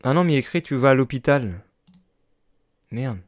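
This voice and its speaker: A man giving casual, excitable commentary on a game, reading the game text aloud, swearing and slipping into English. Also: medium pitch, a little fast. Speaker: let's play gamer.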